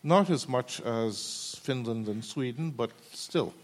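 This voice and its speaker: A man speaking on a panel in a soft, halting way. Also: medium pitch, lively intonation, slight background noise. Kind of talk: panel discussion.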